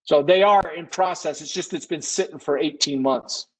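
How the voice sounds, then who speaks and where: A business consultant with a voice on the high side speaks at a normal speed while hosting an informal live webinar Q&A. He's conversational, reasoning aloud and correcting himself as he goes, on a low-quality recording.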